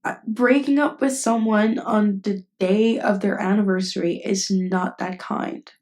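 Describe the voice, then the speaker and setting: Voicing an indignant, protective female best friend in an ASMR roleplay, this actress offers comfort in a blunt, casual way, with an earnest, subdued mood. She speaks unhurriedly in a steady, natural mid-range voice that has a darkish tone.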